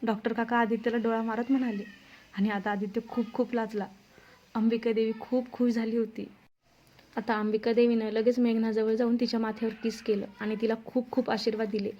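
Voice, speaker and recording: A woman's voice: fairly high pitch, dark tone. A woman narrating a family romance story as a storyteller, reading expressively. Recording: dull lo-fi sound.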